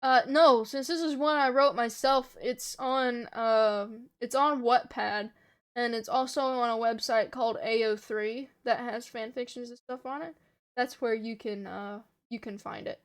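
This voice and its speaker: A woman's voice: fairly high pitch, steady tone, measured pace. A woman streamer reading her own fanfic aloud on a livestream, with casual asides.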